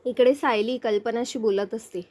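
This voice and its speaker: A woman narrating a review of a TV serial episode. She moves steadily through the story and reads the characters' lines aloud as she goes. Her voice sits a little high. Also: fairly even intonation, darkish tone. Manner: narrates briskly, voicing each character's lines in turn. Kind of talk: retelling a TV episode with read-out dialogue.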